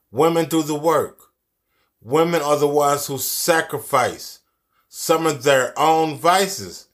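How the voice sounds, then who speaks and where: A man's voice: on the high side, fairly bright tone. A man giving angry social commentary, cursing a lot and repeating his key phrases for emphasis. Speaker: commentary vlogger.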